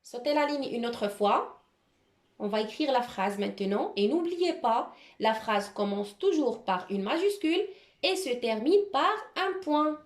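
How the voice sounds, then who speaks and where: A woman who teaches primary school runs a dictation for children, carefully voicing each word and giving it twice. Her pitch is fairly high, her intonation lively, and she takes her time. The recording has a roomy echo.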